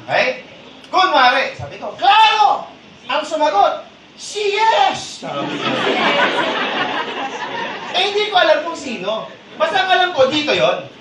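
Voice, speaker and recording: A man's voice: very high-pitched, background noise. A man leading a live training seminar, teasing and quizzing his audience in call-and-response. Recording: echoey hall, distant mic, audience murmur.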